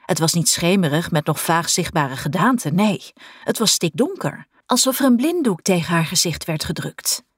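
A woman reading an audiobook aloud in an expressive storytelling manner. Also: fairly low pitch, normal speed, husky, no room sound, studio quality. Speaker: narrator. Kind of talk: audiobook narration.

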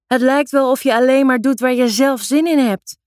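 A woman's voice: high voice, normal speed, darkish tone, no echo, studio quality, voice pushed up, close to an everyday voice. A woman voicing a middle-aged mother who scolds her teenage daughter with a raised, reproachful voice. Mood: scolding.

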